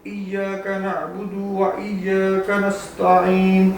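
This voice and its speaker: A man's voice: sits high, completely flat delivery, crowd noise. A man reciting distant echoey student. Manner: recites prayers in Arabic, hesitant repeats. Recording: distant echoey call audio with faint noise.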